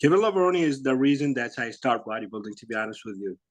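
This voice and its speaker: A man, answering interview questions in a halting, casual way with many fillers and soft laughs. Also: medium pitch, expressive. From Iraq. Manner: halting, lots of "you know" and "like", laughs softly. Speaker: guest, bodybuilder.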